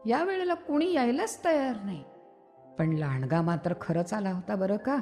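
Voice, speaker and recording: A woman tells a children's story at a very slow, deliberate pace, stretching and repeating words for effect. Her mid-pitched voice carries a long reverb with soft background music underneath. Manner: slow, expressive, repetitive storytelling.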